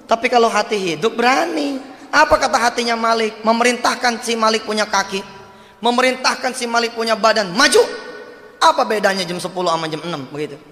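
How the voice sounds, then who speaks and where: A man with a Jakarta accent preaching a sermon and telling a story in lively, joking street slang. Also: very high voice, fairly quick. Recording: long echoing hall reverb.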